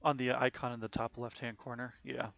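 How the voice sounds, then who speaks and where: Bright, gravelly male game streamer. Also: medium pitch, flat delivery, brisk, dull audio. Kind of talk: casual gaming chat.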